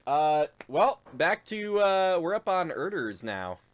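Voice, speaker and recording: A man's voice: on the high side, very animated, slow pace. A man narrating as game master of a tabletop game, rambling with fillers and frequent chuckles.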